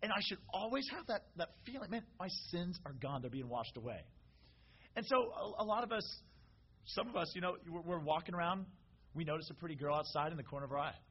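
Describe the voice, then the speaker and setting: Animated man preaching a sermon, high voice. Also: fast, slightly rough, dull audio. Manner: casual and animated, calls out to the congregation.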